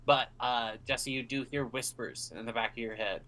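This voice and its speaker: A man narrating a tabletop game as game master, with a bright, clear tone. He rambles through vivid descriptions, often pausing on fillers. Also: medium pitch, steady tone.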